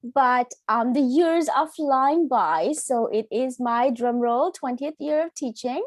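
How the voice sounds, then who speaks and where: A woman, a teacher chatting earnestly as a podcast guest, often pausing on "um". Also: sits high, no echo, clean studio sound. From Canada. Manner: warm, earnest, with frequent "um" fillers. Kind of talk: casual interview chat.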